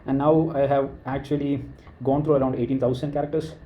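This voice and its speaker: A man with an Indian accent talking through his screen in a casual walkthrough, thinking aloud and pausing on fillers. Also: mid-range voice, little pitch movement, warm tone, slight background noise. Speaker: creator.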